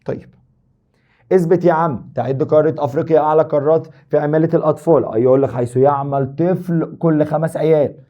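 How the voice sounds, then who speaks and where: A man's voice: fairly high pitch, steady tone, fast, lo-fi sound. A man with an Egyptian Arabic accent teaching an exam review lesson, joking and teasing his students as he explains.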